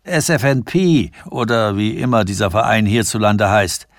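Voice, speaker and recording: Brief: male reader voicing a loud, mocking English banker for a radio novella. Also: lowish voice, animated, moderate pace, no echo, clean studio sound. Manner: cackling, scornful.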